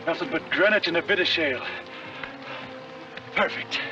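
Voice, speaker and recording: An actor playing an excitable, dreamy Irish prospector with a leprechaun-like lilt in a vintage TV western. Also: male voice, on the high side, moderate pace, vocal fry. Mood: confident, courteous. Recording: dull vintage TV soundtrack with music.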